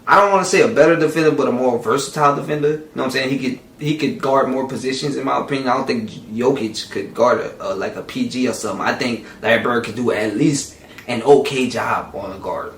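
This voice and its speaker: A man hosting a reaction video in loose, rambling talk, with frequent "you know what I'm saying". He sits away from the mic in an echoing room, and his voice sits at a middle pitch. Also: fast talker, fairly bright tone, a little hiss or hum. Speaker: reaction channel host. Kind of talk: casual commentary on a clip. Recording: echoey room, far from mic.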